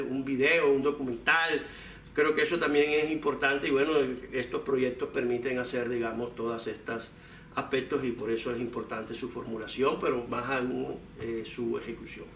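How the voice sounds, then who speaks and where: A man's voice: mid-range voice, fairly bright tone. A man speaking as an academic in an interview, explaining discursively with many filler phrases. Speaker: academic researcher being interviewed. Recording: echoey room, distant mic, faint noise.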